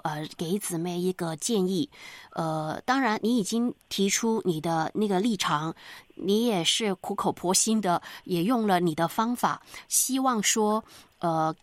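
A woman hosting a call-in counseling show, speaking gently and in a measured way with frequent hesitant fillers. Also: mid-range voice, dry recording. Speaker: radio counseling host.

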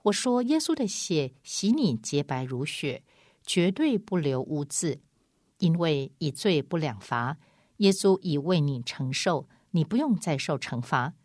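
A woman's voice: low-pitched, very animated, unhurried, darkish tone, no room sound, studio quality. A woman preaching an evangelistic sermon in an emphatic, repetitive way, often acting out a back-and-forth with a doubting listener.

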